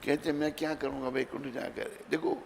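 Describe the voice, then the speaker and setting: Gravelly male preacher in a reverberant hall. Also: on the high side, flat delivery, normal speed. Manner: dramatic storytelling, acting out dialogue with sudden loud and soft turns. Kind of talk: Hindi sermon storytelling. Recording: reverberant hall with faint background noise.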